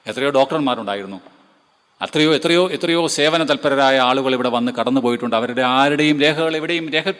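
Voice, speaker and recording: Fast, emphatic man lecturing in a hall. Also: lowish voice, fairly bright tone. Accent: Malayali. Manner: emphatic, rhetorical questions to the audience. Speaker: guest lecturer. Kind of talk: lecture to seminary students.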